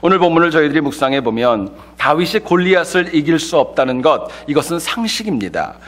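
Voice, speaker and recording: A man preaching a Sunday sermon as pastor, telling light humorous stories in a lively way before turning to the scripture. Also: a little high, a little fast. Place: church sanctuary.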